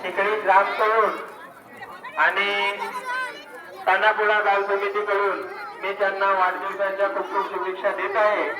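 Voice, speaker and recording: Man announcing over an echoing outdoor loudspeaker. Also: high-pitched, monotone, normal speed, long pauses, noisy background. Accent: Vidarbha Marathi. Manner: formal, reading out names one by one. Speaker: festival announcer. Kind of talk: public address announcement. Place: outdoor village festival grounds. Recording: echoey loudspeaker from far off with crowd.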